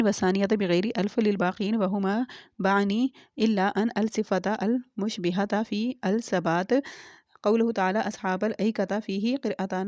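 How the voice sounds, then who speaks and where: A woman's voice: mid-range voice, no echo. Woman steadily a commentary. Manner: steady, methodical recitation of variant readings. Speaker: reader of a Quran commentary. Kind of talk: reading aloud a scholarly text on Quran readings. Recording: dry, slightly dull home recording.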